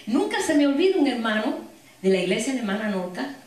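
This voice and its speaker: A woman preaches to her congregation, breaking into stories and quick asides. Her voice sits a little high and is picked up from a distance. A booming echo fills the large church hall around her. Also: very animated, darkish tone. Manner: storytelling, addresses the congregation with frequent asides. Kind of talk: sermon. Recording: echoey hall, distant mic.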